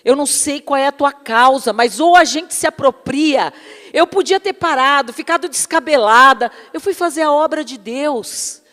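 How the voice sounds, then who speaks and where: A woman's voice: sits high, moderate pace, a bit bright, in a large hall. A woman preaching a sermon with personal testimony, fervent and calling her listeners brothers and beloved.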